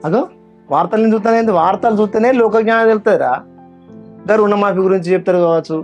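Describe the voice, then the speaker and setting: A man's voice: fairly high pitch, very fast, a little mellow, dull audio, faint music behind, close to an everyday voice. An actor playing a middle-aged father, complaining about his debts and nagging his son.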